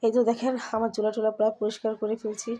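A woman's voice: a little high, completely flat delivery, racing, warm tone. Bangladeshi woman chatting through her chores. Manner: chatty, talks to viewers while doing chores. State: has a cold, speaks softly. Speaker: vlogger. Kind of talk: casual cooking and home vlog narration. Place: home kitchen.

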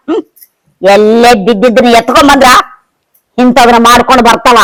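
A woman's voice: a little high, natural voice, rough recording. A woman with a North Karnataka Kannada accent playing a haughty, scornful middle-aged stepmother-in-law in a village comedy skit. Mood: sneering. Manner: taunting, sneering, drawn-out scolding. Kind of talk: village comedy drama acting.

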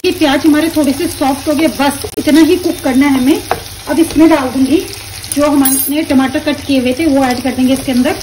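A woman calmly explaining each step of a recipe while she cooks at her stove at home. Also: sits high, normal speed, recorded from a distance, background noise. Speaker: home cooking teacher. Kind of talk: step-by-step cooking instruction.

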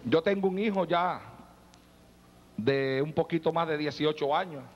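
A man's voice: fairly high pitch, unhurried, in a large hall. A man in his forties preaching a fervent sermon, questioning the congregation directly and breaking into tongues. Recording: dull lo-fi recording.

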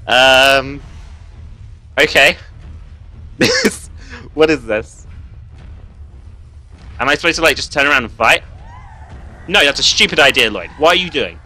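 A man's voice: mid-range voice, expressive, a little slow, long pauses, bright, forceful tone. A young man, nervously commenting and swearing while playing a horror game for viewers. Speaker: gaming video host.

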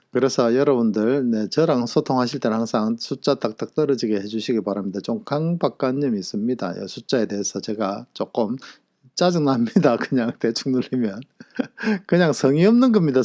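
A man with a Gyeongsang Korean accent chats through a casual live stream. He jokes, laughs often and greets viewers one by one. His voice sits at an ordinary middle pitch. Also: a little fast, a little mellow. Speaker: live-stream host and shop owner.

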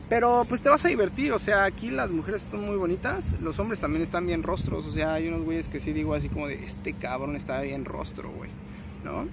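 A man's voice: high voice, normal speed. A young Mexican man vlogging to his phone in a city park, rambling in casual slang and correcting himself as he goes. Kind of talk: casual selfie vlog. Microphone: phone at arm's length. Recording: outdoor noise, passing traffic.

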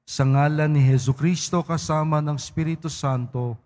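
A man serving as a priest, leading mass prayers in a solemn, measured recitation. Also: on the high side, fairly even intonation, darkish tone. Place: large church. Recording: long church reverb.

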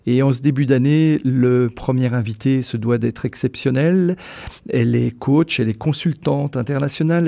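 A man's voice: medium pitch, creaky, warm tone. A man hosting a podcast, speaking conversationally as he interviews his guest.

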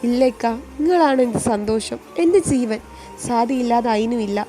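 A woman's voice: fairly high pitch, expressive, normal speed, mellow, faint music behind, close to an everyday voice. A woman voicing a heartbroken young woman who pleads emotionally with her beloved. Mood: anguished. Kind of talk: storytelling voice acting.

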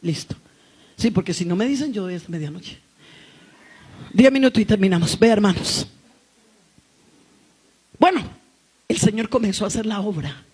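Husky woman preaching fervently. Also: mid-range voice, lively intonation, moderate pace, pauses often. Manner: impassioned, rising to shouts. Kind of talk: church testimony sermon. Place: church service.

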